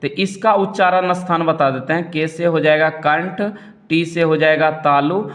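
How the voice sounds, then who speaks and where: A man's voice: on the high side, steady tone, normal speed, fairly bright tone. A young man working through an exam question paper as a teacher, explaining each answer steadily and repeating the same filler phrases.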